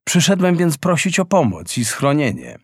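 A man's voice: a little high, wildly swooping pitch, normal speed, husky, no echo, clean studio sound, exaggerated voice. A man voicing a kind, handsome young prince in a storybook reading, speaking politely and earnestly.

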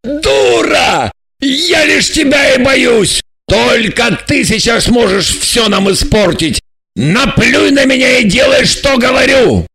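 A woman voicing a gruff, bossy captive man who shouts orders down a phone line. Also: fairly low pitch, normal speed, exaggerated voice. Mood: barking. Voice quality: gravelly, shouting. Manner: barks orders, curses.

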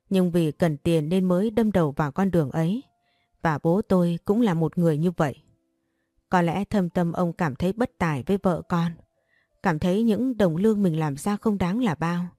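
Woman, story narrator, measured and calm, dry close sound, faint background music. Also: lowish voice, no room sound. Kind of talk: scripted audiobook narration.

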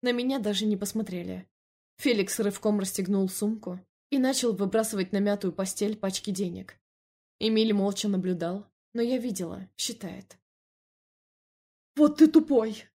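Reading a first-person novel aloud, this woman narrator keeps her delivery even and measured. She has a middle-pitched voice that sounds mellow, with a slight huskiness.

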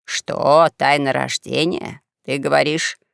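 A man voicing a gruff, hot-tempered bald old swindling preacher who grumbles and curses readily. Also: medium pitch, steady tone, slow, a bit bright, no echo, clean studio sound, voice pushed down, heavily acted. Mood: scornful.

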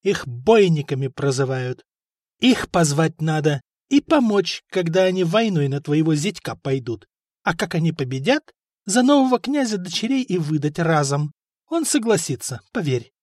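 A man's voice: sing-song, moderate pace, darkish tone, no echo, clean studio sound. A man voicing a spiteful, scheming middle-aged wife of a chieftain who scolds and mocks her husband. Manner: shrill, scolding, mocking. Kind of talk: audiobook character voice.

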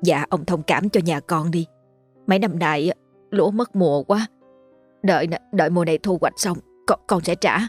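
A poor peasant mother in her forties who begs humbly and hurries her words, as a woman narrator plays her. She speaks, a little brisker than the narration, with faint music behind. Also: on the low side, breathy edge. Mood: pleading.

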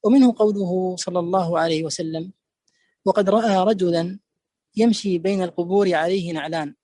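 A man with a high voice lectures on a classical poem. He is deliberate and repeats key words to drive each meaning home. The sound is dry and close, with no room echo. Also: fairly even intonation, warm tone. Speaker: teacher explaining a poem.

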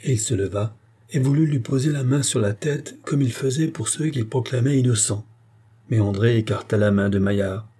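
A man narrating a classic novel as an audiobook, reading in a measured, solemn way. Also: medium pitch, dark tone, breathy edge. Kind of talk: scripted narration.

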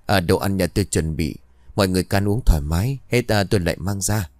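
A man's voice: sits low, quick pace, a little mellow, no echo, natural voice. A man voicing a troubled middle-aged villager who pleads in a strained voice in an audio ghost story. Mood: friendly.

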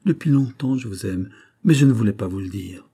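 A male reader lifts his voice into a proud noblewoman who presses her case with passion and insistence. The tone stays dark and mellow under a husky edge, as in a storybook reading. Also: on the low side, lively intonation, fairly quick. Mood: passionate. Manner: impassioned, pleading and insistent. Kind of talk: audiobook reading of a classic novel.

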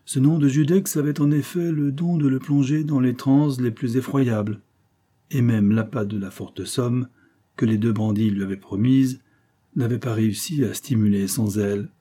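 Dark-voiced man reading a novel aloud. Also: medium pitch, moderate pace. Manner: steady literary narration. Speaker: narrator. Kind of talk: audiobook reading.

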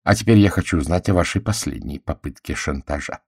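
A man voicing a shrewd, courteous middle-aged detective who questions in a gentle, self-assured way, in an audiobook. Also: low voice, brisk, gravelly, breathy edge, dry recording, studio quality, heavily acted. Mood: probing. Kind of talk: audiobook character voice.

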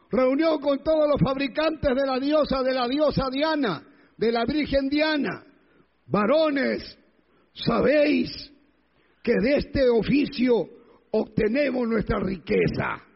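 A man's voice: extremely high pitch, big-room sound, highs cut off. A male pastor preaching a sermon, retelling scripture and acting out the crowds, often questioning his congregation.

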